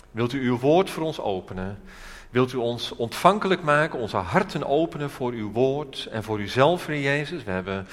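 A man leading a church prayer and sermon, earnest and drawing out key words slowly. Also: mid-range voice, big-room sound. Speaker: preacher.

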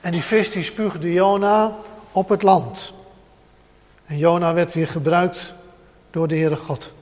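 A man's voice: sits high, steady tone, slow pace, darkish tone. A man preaching a sermon with emphasis, repeating short phrases as he builds up, speaking directly to his listeners. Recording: long hall reverb.

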